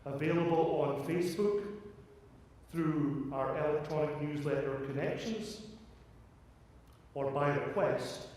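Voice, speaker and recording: Male preacher, high-set voice, emphatic and rhetorical homily delivery, recorded far from the mic in a reverberant space. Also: darkish tone, slight background noise. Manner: emphatic, rhetorical repetition with deliberate pauses. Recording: echoey hall, distant microphone.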